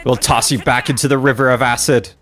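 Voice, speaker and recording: A man voicing an angry crewman who defends his captain, read slowly and threateningly. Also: medium pitch, steady tone, a bit bright, natural voice. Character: angry male ship crewman, loyal to captain.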